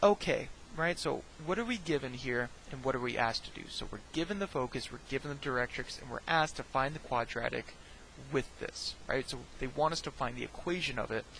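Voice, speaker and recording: A man's voice: mid-range voice, a little fast, a bit bright, slight background noise, low-quality recording. A man teaching a recorded math lesson, talking each step through, often checking in with "right?" and dropping jokey, self-deprecating asides.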